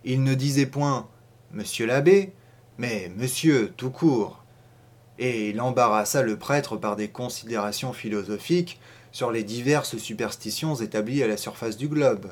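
Man reading a story aloud. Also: medium pitch. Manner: measured, expressive literary reading. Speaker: narrator. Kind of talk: audiobook reading of a short story.

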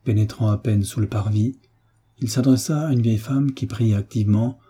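Reading an audiobook from a script, the male narrator keeps a steady, measured delivery. His voice sits fairly low and sounds husky and very dark.

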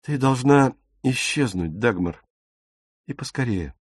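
A man voicing an earnest young soldier who speaks in a soft, steady, protective way in an audiobook. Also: mid-range voice, slow, slightly rough, no echo, clean studio sound. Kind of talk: audiobook character reading.

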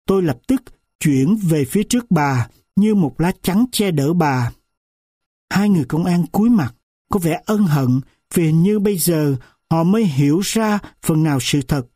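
A man narrating a story in the first person in a measured, earnest way. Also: on the high side, lively intonation, mellow, husky, no echo, clean studio sound. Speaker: audiobook narrator.

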